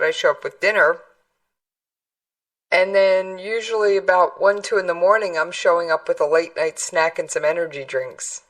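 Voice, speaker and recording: A woman's voice: lowish voice, a bit bright, far from the mic. A woman interviewing someone in a casual, conversational way.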